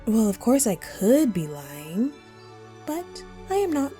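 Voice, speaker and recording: A woman voicing a teasing, riddling female cat from Wonderland in an audio roleplay, coy and playful with drawn-out, whimsical phrasing. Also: on the high side, very animated, dark tone, faint music behind. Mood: whimsically advising. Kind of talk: scripted audio roleplay addressed to the listener.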